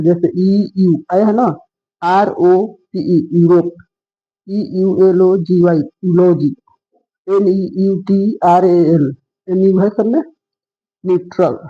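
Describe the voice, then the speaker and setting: A fairly high-pitched man gives an English lesson at an unhurried pace. His voice is a little husky, and the recording sounds muffled and lo-fi. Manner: slow, patient, repeats each rule. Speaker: English teacher. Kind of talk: spoken lesson spelling out words. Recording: dull lo-fi sound.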